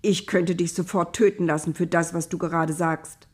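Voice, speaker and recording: A woman's voice: fairly low pitch, fairly even intonation, moderate pace, husky. A woman doing a furious, threatening master. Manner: loud, scolding, threatening. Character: furious powerful Egyptian master, grown man.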